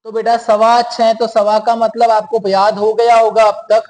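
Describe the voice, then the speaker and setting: A man's voice: high-pitched, little pitch movement, unhurried, a little mellow. A man teaching a class, patiently explaining rules and often checking that students follow. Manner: patient, keeps calling students "beta" and asking questions. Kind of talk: classroom lesson.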